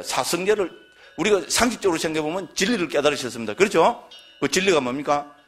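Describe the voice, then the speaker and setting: A man's voice: medium pitch, a bit bright. A man lecturing on Buddhist scripture, emphatic and constantly checking in with his listeners through short tag questions.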